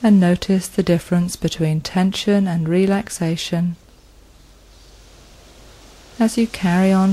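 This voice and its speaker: A woman leading a guided progressive muscle relaxation, speaking in a slow, soothing manner with long pauses. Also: fairly low pitch, warm tone, poor audio.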